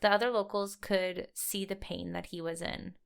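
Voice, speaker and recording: A woman's voice: mid-range voice, fairly even intonation, moderate pace, creaky, clear, resonant tone. A woman co-hosting a true-crime podcast, telling the case in a chatty, storytelling way and swearing casually. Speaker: podcast co-host.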